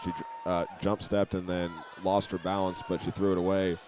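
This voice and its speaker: A man calls live play-by-play of a high school basketball game in a level tone at normal speed, sometimes restarting his phrases. The game's sounds fill the noisy background.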